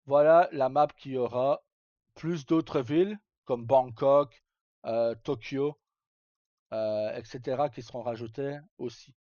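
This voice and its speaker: Speaking slowly in a mellow, mid-range voice, this man chats loosely with his stream viewers, explaining things hesitantly and going over the same points again. The sound comes through a dull, roomy lo-fi microphone.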